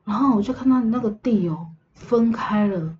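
A woman's voice: a little high, normal speed, darkish tone, highs cut off, a little hiss or hum. A woman telling a first-person ghost story as a podcast storyteller, chatty and often searching for words.

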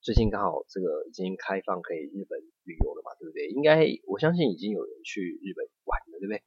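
A man's voice: low voice, animated, quick pace, slightly rough, dry recording. Man, patient language teacher, dry close sound, slightly muffled lo-fi recording. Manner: patient, explains step by step with frequent checks. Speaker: Japanese teacher. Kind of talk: online language lesson.

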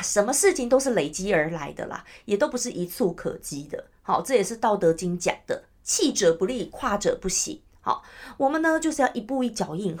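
A woman's voice: mid-range voice, darkish tone. A woman hosting her own podcast, talking casually and chattily to listeners and often asking "you know?". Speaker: podcast host. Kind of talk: casual solo podcast talk.

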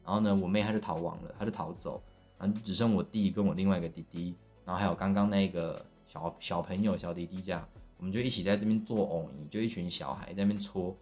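A man's voice: low voice, steady tone, quick pace, darkish tone, soft background music. A young man with a Taiwanese Mandarin accent, casually telling a long family story on his podcast, rambling with many fillers and restarts. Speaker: podcast host.

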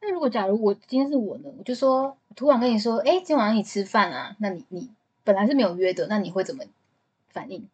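Woman chatting on a podcast, kinda husky, just telling her story. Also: medium pitch, fast, a little mellow, muffled recording. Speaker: podcast co-host. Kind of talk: casual chat.

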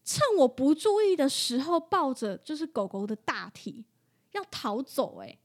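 A woman's voice: high voice, sing-song, moderate pace. A woman who works at an animal hospital, telling a story in a casual chat and laughing often.

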